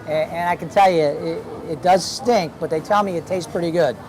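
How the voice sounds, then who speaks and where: High-voiced man at a crowded night market. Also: moderate pace. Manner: easygoing, chatty, trying street food. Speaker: travel show host. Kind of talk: casual on-location food commentary. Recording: noisy crowd outdoors. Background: busy crowd chatter.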